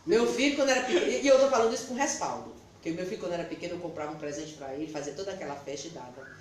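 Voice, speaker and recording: A middle-aged woman pastor, preaching an animated, emphatic sermon and laughing at her own remarks. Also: on the low side, rapid-fire, a little hiss or hum. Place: church hall. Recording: echoey hall, distant mic.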